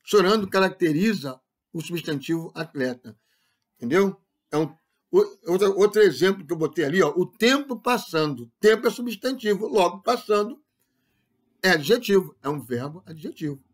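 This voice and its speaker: A man with a high, light voice explains grammar like a teacher in class. He keeps asking whether the listeners understood and repeats key examples. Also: animated, normal speed. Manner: explains with frequent rhetorical check-ins and repetition. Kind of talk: classroom-style lecture.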